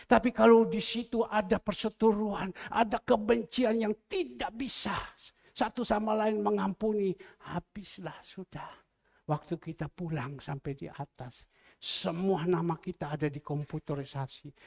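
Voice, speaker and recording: A middle-aged man preaching a sermon as pastor in a church, moving between loud exhortation and quiet asides. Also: high-pitched, unhurried, gravelly.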